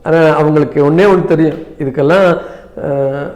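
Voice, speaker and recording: Man, 70s, interview guest; measured, hesitant delivery with fillers and occasional English phrases. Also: a little high, warm tone. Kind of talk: reflective interview talk.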